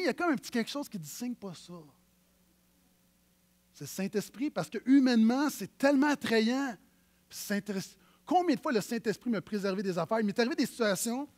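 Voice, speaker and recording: A man with a very high voice and a Quebec French accent preaches a sermon as a pastor. His style is conversational and animated, swinging between loud emphasis and hushed asides.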